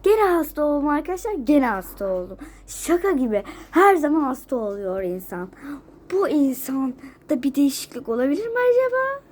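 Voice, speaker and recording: A woman's voice: high voice, very animated, normal speed, a little mellow. Chatty sick teen girl with a cold. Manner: chatty, repetitive, keeps addressing friends. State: has a cold, coughing and runny nose. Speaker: vlogger. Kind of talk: casual chat to camera. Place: at home, just out of bed.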